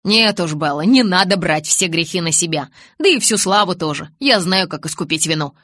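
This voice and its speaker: A woman's voice: on the low side, expressive, normal speed, no echo. A woman reading a brash teasing young man. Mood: defiant. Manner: loud, teasing, defiant.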